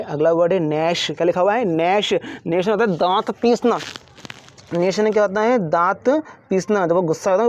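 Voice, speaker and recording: A man's voice: high-pitched, a little mellow, no echo, muffled recording. A man teaching English words as an instructor, repeating each word and asking questions back to his students. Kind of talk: Hindi-language English vocabulary lesson.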